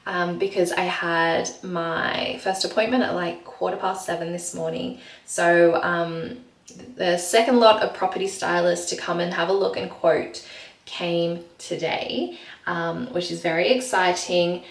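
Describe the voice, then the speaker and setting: A woman's voice: fairly low pitch, fairly even intonation, a little slow, distant mic. A woman, chatting casually to camera in her bathroom, full of ums and likes. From Australia. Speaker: vlogger. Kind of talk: casual vlog chat. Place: home bathroom. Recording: echoey room, voice from off-mic.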